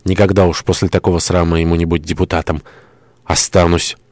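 Guy reading a tormented young lover, deep voice, fervent and begging, dry close sound. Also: little pitch movement, a little fast, a little mellow, dry recording, natural voice. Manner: fervent, pleading.

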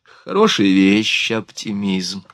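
A man voicing a calm, unflappable young woman with a dry manner, in an audiobook. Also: lowish voice, slow, dry recording, voice pushed down, heavily acted.

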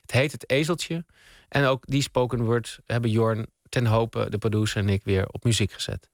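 A man, a guest on a radio interview, telling a rambling story in a relaxed, meandering way with many fillers, at a studio microphone. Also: mid-range voice, moderate pace, no room sound. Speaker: guest, spoken word artist.

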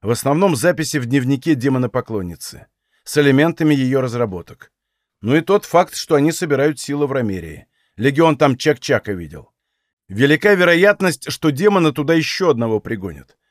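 Audiobook: male reader as a hot-headed young mage, combative, lively pitch swings. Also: brisk, dry recording, studio quality, close to an everyday voice. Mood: tense. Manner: blunt, swearing, combative.

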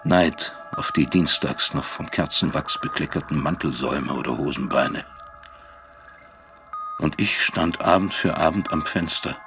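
In an introspective radio drama, an actor plays a guilt-ridden middle-aged father, brooding and questioning himself in halting phrases. His very deep voice is gravelly and husky, exaggerated for the role and set over music. The mood is resigned and regretful.

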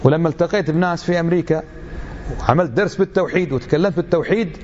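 A man's voice: a little high, rapid-fire, darkish tone, muffled recording, a little hiss or hum. A middle-aged man giving an emphatic religious lecture, full of rhetorical questions.

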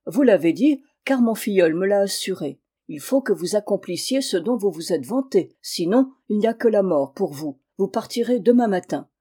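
A woman's voice: medium pitch, lively intonation, moderate pace, few pauses, warm tone, breathy edge. A woman reading aloud and voicing a stern king who gives commands in a raised voice.

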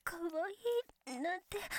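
A woman voicing a shy, apologetic, submissive attendant in an adult audio drama, speaking halting, polite, pleading pillow talk. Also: extremely high pitch. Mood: shy, aroused.

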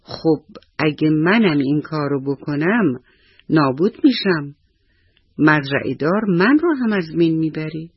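A timid, fretful scarecrow from a radio bedtime story, voiced by a male narrator. The voice sits fairly high and a little husky. It comes through a dull, dry studio recording. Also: lively intonation, no echo. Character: timid scarecrow who grows brave.

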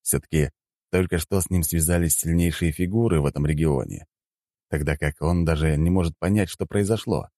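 A man narrating a fantasy audiobook in the first person, measured and expressive. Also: low-pitched, no room sound, studio quality.

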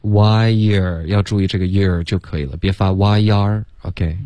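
A deep-voiced man coaching English pronunciation. He corrects students one by one and models each sound slowly. The sound is dry and close. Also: fairly even intonation, dark tone, no echo. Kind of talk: pronunciation coaching in a broadcast class.

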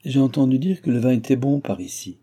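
A man's voice: mid-range voice, animated, a little fast, dark tone, breathy edge, pitched above the performer's own voice. A man voicing a bold, self-assured noble traveler who talks in a confident, commanding and slightly mocking way.

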